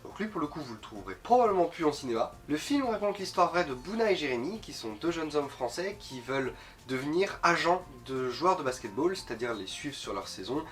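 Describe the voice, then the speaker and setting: A man's voice: a little high, big pitch swings, fairly quick, a bit bright. Nasal, congested man reviewing films casually. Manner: informal, rambling, stumbles and repeats words. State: slightly sick with a cold. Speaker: host of a film review channel. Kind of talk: casual film review talk to camera.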